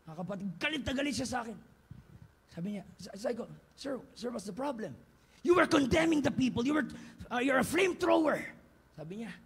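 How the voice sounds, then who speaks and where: A Filipino man preaching a fervent sermon in a church, often rising to shouted exhortation. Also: sits high, a little hiss or hum. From Philippines.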